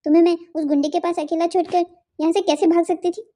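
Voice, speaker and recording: Cartoon wife: woman playing a gentle, reassuring young woman, high and mellow. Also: steady tone, fast talker. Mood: caring. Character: brave, caring young wife, the elder sister-in-law.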